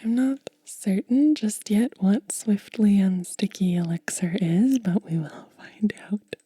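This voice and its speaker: An ASMR host whispers very softly and breathily into a close microphone, her medium-pitched voice captured in a dry recording. Unboxing an item, she stretches words out at an extremely slow pace. Her tone is very mellow, relaxed, and gentle throughout.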